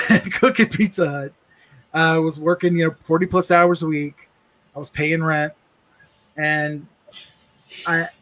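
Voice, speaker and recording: A man co-hosting a livestream, telling a personal story in an earnest, halting way with many restarts. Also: fairly high pitch, fairly bright tone. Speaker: livestream co-host.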